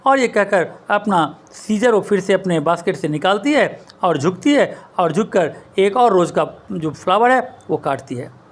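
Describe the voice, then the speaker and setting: Animated male teacher explaining a story. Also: high-pitched. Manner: reads English lines slowly, then explains in Hindi; lively, expressive storytelling. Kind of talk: line-by-line story explanation lesson.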